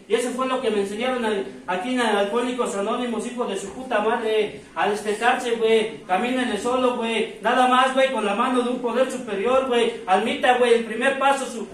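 Mexican man, strained high shouting, profane and confrontational; heard from a distance in a very echoey room. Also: steady tone, a little fast, hardly any pauses. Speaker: speaker at a recovery group meeting. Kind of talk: confrontational testimony. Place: recovery group meeting room. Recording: very echoey hall, distant mic, crowd.

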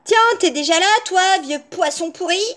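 A woman voicing a rude, bratty little girl in a children's story, insolent and loud. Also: very high-pitched, expressive, measured pace, voice pushed up. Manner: insolent, shouting, mocking.

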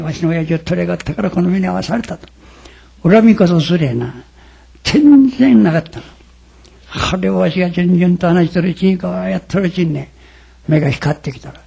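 An older man preaches a sermon, telling his stories in a folksy, dramatic way. His voice sits a little high for a man and is rough with fry. It is also very husky and raspy. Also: mellow. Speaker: religious lecturer. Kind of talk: storytelling sermon.

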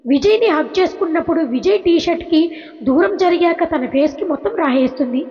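A woman narrating a story in a gentle, expressive audiobook style. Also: high voice. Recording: reverberant, dull lo-fi recording.

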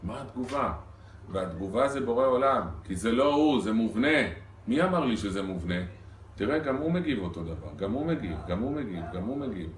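A rabbi giving a lesson in a synagogue hall, throwing question after question at his listeners. His voice sits at an ordinary male pitch. It was recorded from some way off, so the room echo is strong. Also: slight background noise. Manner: lively teaching, rhetorical questions to the audience. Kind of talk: Torah lesson to a congregation. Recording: echoey hall recorded from a distance.

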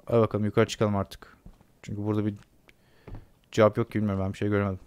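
A man's voice: lowish voice, flat delivery, quick pace, a little mellow, clean tone. A man giving casual let's play commentary on a horror game, talking to himself and the game and repeating words. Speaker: gamer playing a horror game.

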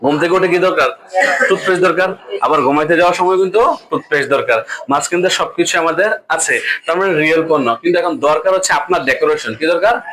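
A man's voice: on the high side, fast, fairly bright tone, rough recording. A man giving a motivational seminar talk on network marketing, mixing in English words and asking the audience questions that he then answers himself. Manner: asks the audience rhetorical questions and answers them; mixes English words into his speech.

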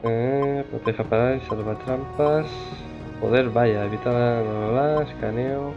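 A man's voice: medium pitch, a little slow, muffled recording. Man muttering over gameplay. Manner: relaxed muttering to himself. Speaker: gameplay streamer. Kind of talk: casual game commentary. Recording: game music over voice.

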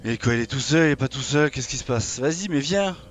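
Excitable man taunting in gameplay commentary. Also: medium pitch, fairly quick, slight background noise. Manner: casual slangy talk. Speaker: gamer playing a dinosaur survival game.

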